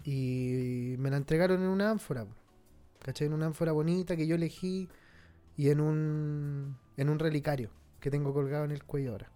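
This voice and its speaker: A man's voice: on the high side, steady tone, brisk, mellow, soft background music. A man with a Chilean accent telling a sad personal story in casual, slang-heavy chat. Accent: Chilean Spanish. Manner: slangy, somber storytelling, frequent swearing.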